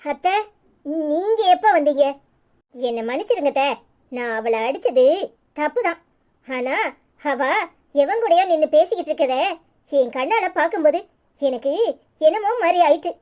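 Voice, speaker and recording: A woman's voice: high voice, lively intonation, moderate pace, pauses often, darkish tone. A woman voicing a hot-tempered, anxious young wife in a cartoon, with a Tirunelveli Tamil accent and a scolding, fretful way of talking. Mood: worried.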